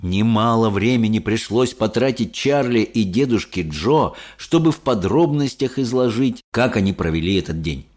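A man reading a children's story aloud as an expressive audiobook narrator. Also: on the low side, moderate pace, few pauses.

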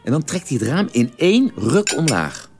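A man in a radio drama telling a long, detailed story at the dinner table in a measured, drily precise way. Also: a little high, very animated, gravelly, darkish tone, faint music behind. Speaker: character telling an anecdote at a family dinner.

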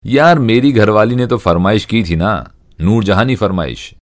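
A man's voice: fairly low pitch, a little slow, lightly acted. A man voicing a jolly, hard-up middle-aged friend who protests and laughs a lot in a told story. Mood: jovial.

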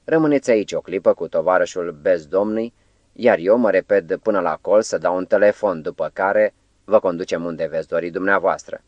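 A man doing a hushed, placating gentleman. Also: sits low, no echo, highs cut off, lightly acted. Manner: hushed, soothing, falsely gentle. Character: cautious, placating middle-aged man, editor type.

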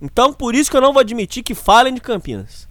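A man's voice: extremely high pitch, big pitch swings, quick pace, no echo. A man with a Brazilian accent hosts with a casual spoken introduction, full of repetitive, tongue-in-cheek macho bravado. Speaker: show host.

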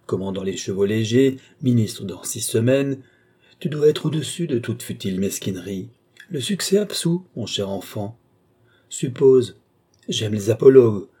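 A man's voice: mid-range voice, slightly rough. A man voicing a sly old marshal who teases and needles his nephew in an audiobook reading. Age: older. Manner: sly, teasing, lively. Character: old sly mocking male marshal, uncle.

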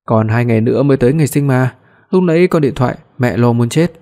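Một người đàn ông đọc lời của một bà mẹ trung niên hay trách mắng con trai. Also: male voice, mid-range voice, fast, warm tone, close to an everyday voice. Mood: scolding. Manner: scolding, fussing. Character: scolding middle-aged mother.

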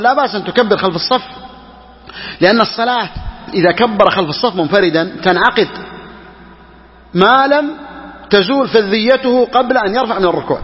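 A man teaching religious law as a sheikh, who talks quickly and repeats key phrases for emphasis. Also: high voice, in a large hall, highs cut off. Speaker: sheikh teaching Hanbali jurisprudence. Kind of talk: religious lesson explaining a text.

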